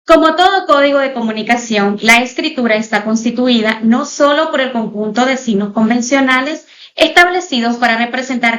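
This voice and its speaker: A woman's voice: a little high, a bit bright, highs cut off. Woman teacher giving a recorded lesson. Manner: formal, explanatory, addresses students directly; pauses to spell out example words slowly. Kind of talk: recorded online class lecture.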